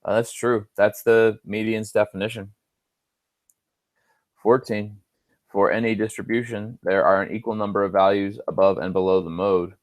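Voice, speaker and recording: A man with a fairly low voice talks through homework answers as he works on screen. He speaks casually, thinks aloud, and slips in dry offhand asides. The sound is close and dry, with no room in it. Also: little pitch movement, normal speed, no echo. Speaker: instructor. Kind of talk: screen-recorded homework walkthrough.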